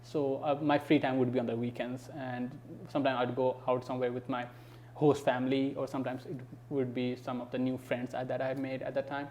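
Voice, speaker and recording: A man's voice: medium pitch, flat delivery, fairly quick, darkish tone, a little hiss or hum. A young man from Nepal, chatting loosely as a podcast guest with plenty of fillers. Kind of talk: casual conversation.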